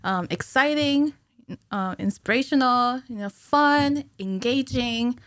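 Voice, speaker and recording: A young woman who works as a cinematic animator chats casually as a guest in a small curtained podcast studio, close to a studio microphone on a stand. Her voice is a little high and a bit bright, and she speaks slowly. There is no echo.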